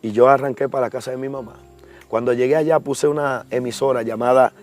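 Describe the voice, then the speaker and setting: A young man tells his personal testimony in a middle-pitched voice. He is earnest and acts out the voices of the people in his story. Soft music plays faintly behind him. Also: steady tone, fast. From Dominican Republic. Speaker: guest giving a testimony.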